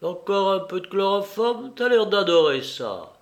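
A man reading an audiobook, voicing a cool, commanding gentleman burglar who gives brisk, ironic orders, a little higher and louder than his narration. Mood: mocking. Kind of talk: audiobook character voice.

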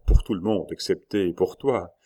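A man reading aloud, voicing a bold, playful young duchess who explains a plan in a brisk, confiding way. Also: low-pitched, dark tone. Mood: scheming.

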